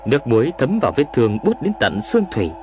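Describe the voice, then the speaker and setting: A man narrating a horror story in a dramatic, expressive reading. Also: mid-range voice, quick pace, a little hiss or hum.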